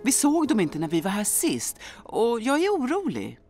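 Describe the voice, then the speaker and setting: A woman voicing a cheerful adult female professor who briefs her team in a dubbed cartoon, brisk and instructive. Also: a little high, wildly swooping pitch. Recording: music bed behind voice.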